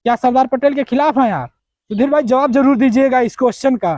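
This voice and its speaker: A man's voice: extremely high pitch, fast talker, darkish tone, no room sound. A man giving a heated political rebuttal to his viewers, combative and firing off rhetorical questions. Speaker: political commentator.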